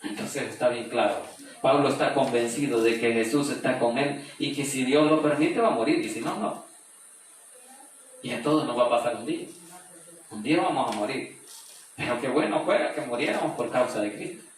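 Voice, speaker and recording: A man's voice: medium pitch, moderate pace, a little hiss or hum. Echoey, distant male preacher. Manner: reads a verse, then retells it in plain everyday speech. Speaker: preacher leading a Bible study. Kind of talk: conversational Bible study teaching. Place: church meeting room. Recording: very echoey room, voice far from the mic.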